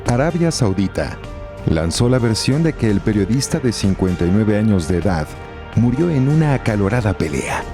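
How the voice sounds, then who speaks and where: A man's voice: fairly low pitch, very animated, normal speed. A man reading scripted documentary narration in the manner of a true crime news report. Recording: music bed under the voice. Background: music.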